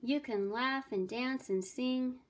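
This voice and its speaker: A dutiful young storybook pig who talks in earnest, rhyming sing-song, voiced by a woman reading aloud. The delivery is unhurried and fairly high, close to an ordinary reading voice. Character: hardworking serious young male pig.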